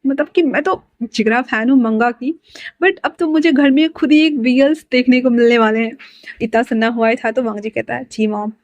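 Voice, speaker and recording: A woman's voice: fairly high pitch, normal speed, no room sound, muffled recording. Chatty woman narrating a story, dry close mic. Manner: chatty, breaks in with own excited asides. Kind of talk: casual fan-fiction narration with character lines.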